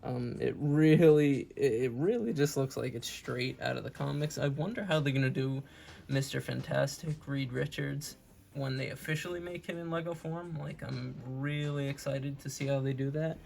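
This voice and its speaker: His mid-range voice gravelly and darkish, a man hosts a toy review channel at normal speed. The hobby review is casual, earnest and enthusiastic yet repetitive, and recovery from wisdom tooth removal affects how he speaks.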